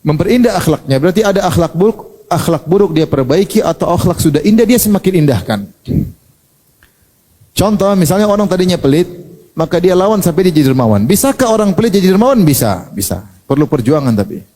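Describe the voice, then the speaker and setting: A man preaching a sermon in a lively, joking way, acting out the people he quotes. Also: high voice, fairly quick, long reverb tail.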